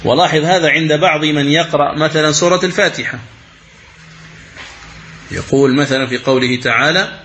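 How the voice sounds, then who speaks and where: Man teaching Quran recitation, fairly high voice. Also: fairly bright tone, a little hiss or hum. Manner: poses questions then answers them; chants verses slowly as examples. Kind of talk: religious lesson commentary.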